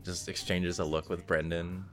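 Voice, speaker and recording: A man's voice: low-pitched, little pitch movement, normal speed, soft background music. A young man playing a tabletop role-playing game, joking and describing his character's moves. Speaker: player. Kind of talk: casual tabletop play.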